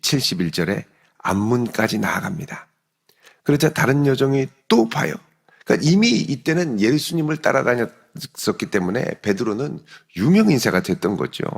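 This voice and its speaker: A man preaching an early-morning sermon as pastor, animated and acting out quotes. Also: on the low side, gravelly, slightly rough, in a large hall. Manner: animated, acts out quotes and dialect jokes. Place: church sanctuary.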